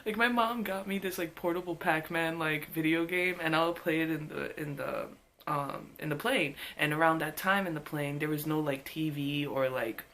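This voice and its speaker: A woman vlogger telling a personal story in a casual, animated way, full of filler words. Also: low-pitched, moderate pace.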